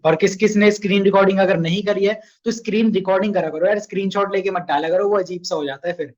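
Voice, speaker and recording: A man's voice: high-pitched, steady tone, fast talker, a little mellow, dull audio. A young man runs a casual online sales training session, chatty and coaxing, often asking his listeners questions.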